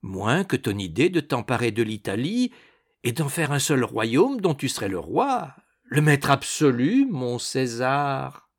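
A man's voice: medium pitch, big pitch swings, a little slow. A man reading an audiobook, voicing a proud, scheming young Renaissance noblewoman with a languid, grandly ambitious manner.

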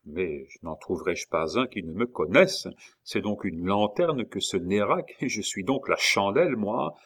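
A man's voice: fairly low pitch, lively intonation, a little slow, fairly bright tone, full character voice. A man voicing an impatient, sarcastic male envoy in an audiobook, raising his voice above his narration. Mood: exasperated. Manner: sarcastic, exasperated. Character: impatient sharp-tongued male royal jester-envoy. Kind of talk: audiobook character reading.

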